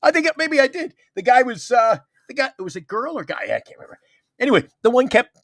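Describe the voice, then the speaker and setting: A man co-hosting a casual sports talk show, telling animated, joking stories. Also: extremely high pitch, quick pace, no room sound, studio quality. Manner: animated storyteller, joking, acts out quotes. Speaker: co-host.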